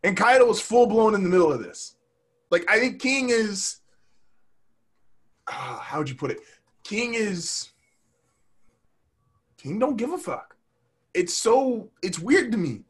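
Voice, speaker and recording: A man co-hosting a casual podcast, his voice sitting a little high and swinging widely as he rants. He talks in excited bursts and swears freely. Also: a little slow, long pauses, breathy edge. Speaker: podcast co-host. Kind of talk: casual chat.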